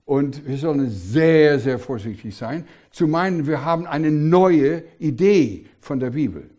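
An older man preaching a sermon, emphatic, asking rhetorical questions and pausing often with hesitations. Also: a little high, expressive, warm tone.

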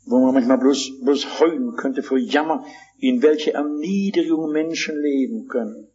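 Older German preacher, husky voice. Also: male voice, medium pitch, dark tone, lo-fi sound. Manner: emphatic preaching, slows and rises on key phrases; storytelling, acts out voices. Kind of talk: sermon.

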